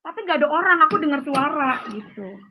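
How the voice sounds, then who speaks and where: A woman's voice: high voice, lively intonation, fairly quick, pushed and bright. A woman telling her life story over a phone line as an interview guest, rambling with many fillers. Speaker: interview guest giving testimony. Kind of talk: emotional personal testimony. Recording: tinny phone line, faint background hiss.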